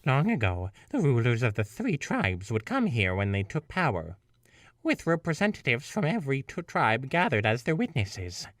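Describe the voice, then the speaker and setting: A man's voice: mid-range voice, huge pitch swings, moderate pace, no room sound, studio quality, recorded from a distance. A man voicing a regal, ancient female pony princess, reading her lines in a stately, raised voice. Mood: solemn.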